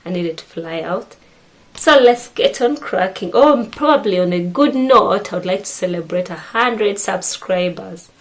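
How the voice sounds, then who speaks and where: A middle-aged Ugandan woman with a Ugandan accent chats casually to camera about her sewing as a vlogger, frequently restarting her sentences. Her medium-pitched voice is animated and unhurried, and the recording is rough.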